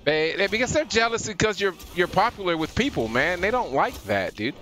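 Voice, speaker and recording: A man streaming a game, his pitch sitting a little high and swinging about a lot as he jokes and swears through laid-back banter with his friends. Game music runs clearly behind his voice. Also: big pitch swings, brisk, fairly bright tone. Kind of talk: casual gaming chat over voice call.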